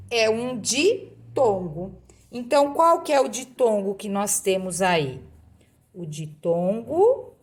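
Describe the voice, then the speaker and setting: Slow, lively-voiced woman teacher. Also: mid-range voice. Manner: slow, patient, explains step by step. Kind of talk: reading a textbook lesson aloud to pupils.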